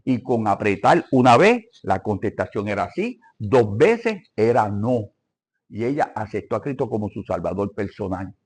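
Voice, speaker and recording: A man's voice: lowish voice, sing-song, moderate pace, husky. An older man teaching a church Bible lesson, asking the congregation questions and calling for amens.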